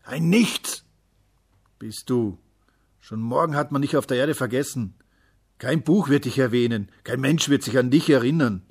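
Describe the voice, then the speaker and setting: A man voicing a boastful, mocking uncle who shouts and sneers. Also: mid-range voice, normal speed, breathy edge, pitched above the performer's own voice. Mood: scornful.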